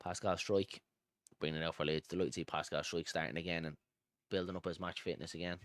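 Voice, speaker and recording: Hosting a football watchalong stream, a Dublin man with a low pitch keeps up live commentary and casual banter, addressing viewers as buddy and pal. His tone is steady and slightly bright, his pace quick, and the recording dry.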